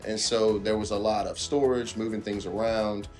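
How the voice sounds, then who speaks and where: A man's voice: fairly low pitch, flat delivery, moderate pace, a little mellow, faint music behind. A man giving casual interview answers in a dry, understated way. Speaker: homeowner being interviewed.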